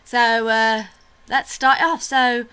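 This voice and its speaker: Woman, bright crisp tone, chatty opinionated vlog host, casual asides. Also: a little high, little pitch movement, takes it slowly. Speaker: vlogger host. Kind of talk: casual video review chat.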